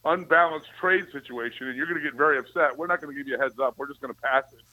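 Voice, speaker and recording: A man's voice: medium pitch, very fast, sharp tone, rough recording. A man giving opinionated political talk as a commentator, with a sarcastic, conspiratorial ranting manner.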